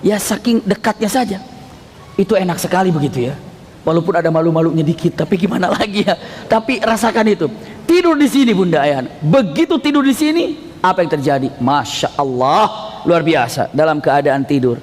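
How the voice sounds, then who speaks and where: Male preacher, very high-pitched, lively and questioning, echoing hall. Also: brisk, a little hiss or hum. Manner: animated, questions the audience, acts out dialogue. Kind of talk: storytelling sermon. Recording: echoey hall.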